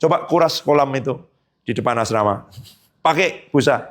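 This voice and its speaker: A man's voice: medium pitch, moderate pace. A man preaching a conversational sermon as pastor, rising into emphatic peaks and acting out quoted dialogue.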